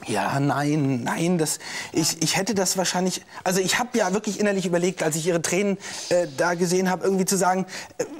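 A man's voice: high-pitched, brisk, close to an everyday voice. An actor playing a jilted young man on the witness stand in a scripted courtroom show, hesitant and full of fillers, flaring into anger.

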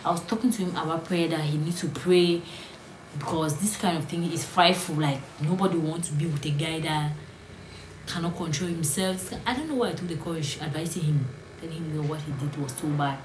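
A young woman with a fairly low voice, recounting a personal storytime in an earnest tone that often drops to a near whisper. Her voice rings in a roomy, echoey space with a faint hum of ambience behind it. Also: fairly quick. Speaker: vlogger. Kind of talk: storytime vlog.

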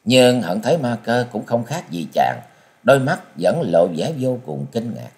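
A man reading a martial-arts novel aloud as an audiobook, in an expressive, dramatic storytelling manner. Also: mid-range voice, unhurried. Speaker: audiobook reader.

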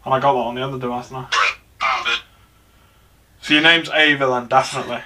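A man's voice: mid-range voice, steady tone, brisk, far from the mic, low-quality recording. Man coaxing spirits in a ghost-hunting vlog. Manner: hushed, coaxing questions to the spirits. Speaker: paranormal investigator host. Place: inside an abandoned house.

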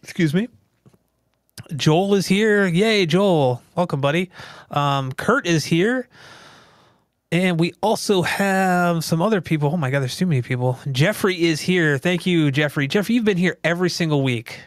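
A man's voice: on the high side, expressive, normal speed, no echo, clean studio sound. A man hosting a casual livestream podcast from a home theater room, explaining things in an easygoing way with lots of fillers. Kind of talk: casual tech chat.

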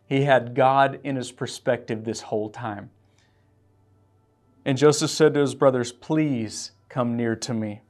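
A man's voice: mid-range voice, fairly even intonation, unhurried. Earnest man preaching a sermon. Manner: earnest, emotional scripture reading. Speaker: pastor. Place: church.

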